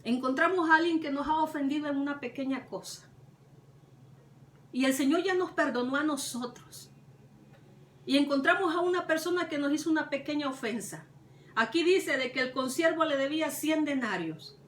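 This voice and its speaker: A woman's voice: high voice, moderate pace, a bit bright, a little hiss or hum. A woman preacher retelling a Bible parable, repeating herself and asking rhetorical questions. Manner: retells scripture with many repetitions and rhetorical questions. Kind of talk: Bible teaching. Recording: echoey room, mic at a distance, faint ambience.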